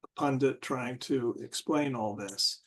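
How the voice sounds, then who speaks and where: A man with a mid-range, fairly bright voice speaks haltingly in a casual group discussion, searching for words and restarting often.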